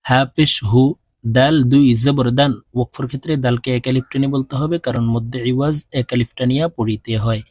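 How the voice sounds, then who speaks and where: A man with a Bangladeshi accent teaching Quran reading, spelling out Arabic words letter by letter and drawing out each syllable slowly. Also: mid-range voice, fairly even intonation, darkish tone, dry recording. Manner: slow drawn-out recitation of each word.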